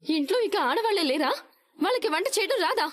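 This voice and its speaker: An actress playing a wronged, defiant young daughter-in-law in a TV serial, speaking with indignation. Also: female voice, extremely high pitch, lively intonation, fast. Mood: indignant. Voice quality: indignant, pleading. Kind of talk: TV serial acting.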